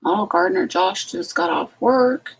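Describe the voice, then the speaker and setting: A sleepy homestead channel host, just out of bed, runs a casual late-night live stream from home and greets each viewer by name. Her mid-range voice is husky with vocal fry and a little slow, and the recording is rough.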